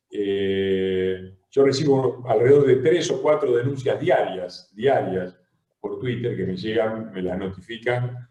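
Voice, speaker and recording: A man's voice: medium pitch, warm tone, muffled recording. A man with an Argentine accent hosting a political talk show, arguing emphatically with frequent hesitations. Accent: Argentine Spanish. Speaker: host and legislator. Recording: roomy echo.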